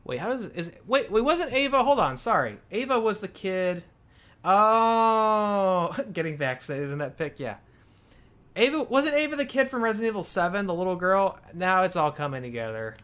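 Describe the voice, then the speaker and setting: Casual male streamer with a lively, somewhat high voice who reads game notes aloud and talks them through. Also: moderate pace. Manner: chatty, self-correcting, thinks aloud. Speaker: gaming streamer. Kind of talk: live gameplay commentary and reading in-game files aloud.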